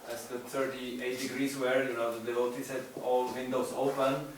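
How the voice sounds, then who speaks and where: A man's voice: mid-range voice, level tone, normal speed. Guy in the crowd chatting, lots of you-knows, distant and roomy with noise behind. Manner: chatty, hesitant, with fillers. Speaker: audience member. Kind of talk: casual remarks from the floor. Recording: echoey hall from far off, noisy.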